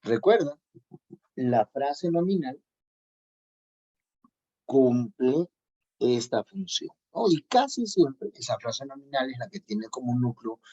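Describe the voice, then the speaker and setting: Teacher lecturing on grammar, middle-pitched, insistent repetition, muffled lo-fi audio. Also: very animated, takes it slowly, pauses often, dark tone, breathy edge. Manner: repeats key points for emphasis; checks in with students. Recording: dull lo-fi recording.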